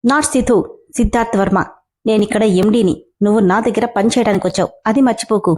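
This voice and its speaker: A woman's voice: medium pitch, fairly quick, a little mellow, natural voice. A woman voicing a stern young man, a company boss, with clipped scolding commands in a story reading.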